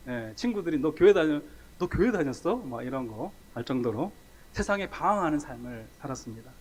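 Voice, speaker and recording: A middle-aged man from South Korea preaching a sermon in a church, telling his own story in a lively way and acting out the scenes. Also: fairly high pitch. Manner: animated storytelling, acts out scenes, laughs at himself. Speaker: missionary preacher. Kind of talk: sermon with personal testimony. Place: church sanctuary. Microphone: church sound system mic.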